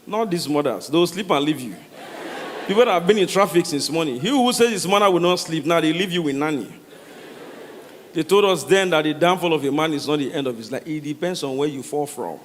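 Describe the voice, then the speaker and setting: A Nigerian man performing comedic stories to a live audience, animated, slipping into Pidgin and acting out dialogue. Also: a little high. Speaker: stand-up comedian. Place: large hall with a stage. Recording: echoey hall, noisy live sound.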